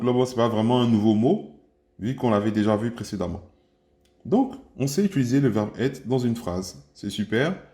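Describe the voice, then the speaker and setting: A man giving an online language lesson, patient and encouraging, repeating each phrase slowly. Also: on the low side, warm tone. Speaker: language teacher. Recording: echoey room.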